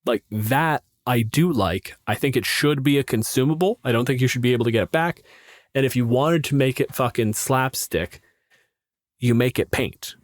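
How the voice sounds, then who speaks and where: A blunt, opinionated man co-hosts a podcast, swearing freely while he talks through tabletop game rules. His mid-pitched voice is casual and moves at a moderate pace, captured in a dry, close recording.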